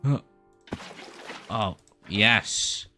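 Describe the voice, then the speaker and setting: Around 21 years old, this streamer talks extremely slowly in a lowish, animated, pushed, bright voice over soft background music. He rambles to his viewers while playing, joking and mocking himself.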